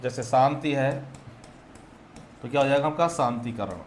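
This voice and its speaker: A male teacher explaining an exam solution, putting questions to the class and answering them himself, clearing his throat now and then. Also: mid-range voice, moderate pace, roomy sound, a little hiss or hum.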